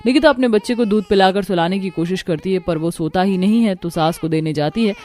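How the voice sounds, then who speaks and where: A woman's voice: medium pitch, a little fast, dark tone. A woman giving scripted narration for a cartoon story.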